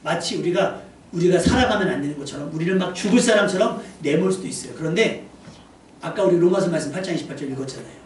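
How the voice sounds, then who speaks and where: A man's voice: a little high, quick pace, a little mellow, a little hiss or hum. A man preaching a sermon as pastor. He tells stories in a chatty way and acts out the quoted lines. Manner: conversational storytelling, acting out quotes. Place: church sanctuary. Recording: echoey church hall, mic at a distance.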